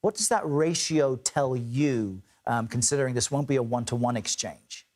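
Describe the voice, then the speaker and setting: A man anchoring live news, putting questions to a guest in a measured, formal way. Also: mid-range voice, darkish tone.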